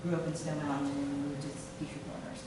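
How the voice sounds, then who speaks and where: A middle-aged woman, a city council candidate from Taiwan, giving a halting campaign speech full of fillers and restarts. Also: deep voice, level tone. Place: meeting room. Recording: echoey room from far off, noisy.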